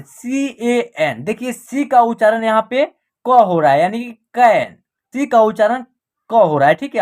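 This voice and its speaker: Woman teacher quizzing her class. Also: mid-range voice. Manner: spells words letter by letter and asks quick rhetorical questions; repeats "ठीक है" as a check-in. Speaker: English teacher. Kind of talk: online classroom lesson.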